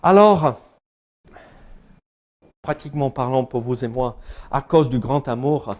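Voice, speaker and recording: A man's voice: medium pitch, slow pace, a little mellow. A male pastor preaching a sermon in French with an English-speaking accent, joking and chatting with the congregation between hesitations. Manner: jokey, chats with the congregation, frequent hesitations. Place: church service.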